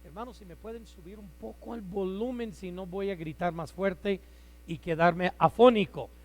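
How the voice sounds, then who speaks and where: A man in his fifties, a guest preacher delivering a sermon loudly, with frequent filler words and light humor. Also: high voice, moderate pace, long reverb tail. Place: church sanctuary.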